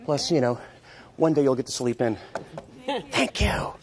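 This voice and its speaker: A man hosting comic surprise award announcements indoors with a handheld mic, cheery and jokey, shouting cheers. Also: mid-range voice, lively intonation, unhurried, a crowd in the background. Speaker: award show host going office to office. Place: offices, library and meeting rooms indoors. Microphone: handheld microphone.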